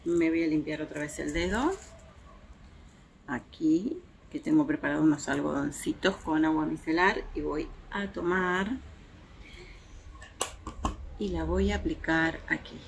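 Woman doing a makeup review out on her terrace, lowish gravelly voice, faint noise behind. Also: measured pace, pauses often. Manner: chatty, hesitant fillers, shows swatches to viewers. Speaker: beauty vlogger. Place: home terrace, outdoors in daylight.

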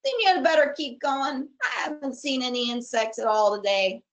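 Lady doing a big gruff caribou, loud and snorty, plain talker, storybook. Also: high-pitched, moderate pace, lightly acted. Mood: matter-of-fact. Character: big plodding caribou, gruff and matter-of-fact.

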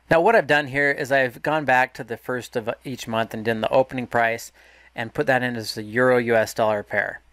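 Over a screen recording, a male market educator explains a market analysis lesson one step at a time, with restarts and self-corrections. His voice is medium in pitch and a bit bright, recorded with no echo.

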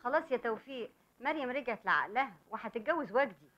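A woman's voice: a little high, lively intonation, fast talker, natural voice. An actress with an Egyptian accent playing a mother pleased with how her daughter's marriage turned out. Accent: Egyptian Arabic. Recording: muffled film soundtrack with faint noise.

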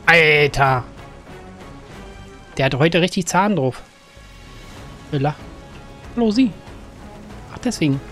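A man giving casual gameplay commentary, chatting to game characters with sudden excited outbursts. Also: fairly high pitch, slow pace, long pauses. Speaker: gaming let's-player. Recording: faint game music behind.

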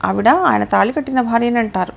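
A woman's voice: a little high, fairly quick, vocal fry. A woman voicing a hot-blooded, bitter young man in an audio novel, defiant toward his father.

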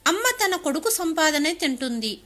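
A bright, high-voiced young wife, as a woman narrator puts her on, indignant and pressing in an audiobook story. She confronts her family with sharp, raised questions. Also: expressive, moderate pace. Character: angry young married woman, daughter defending her mother.

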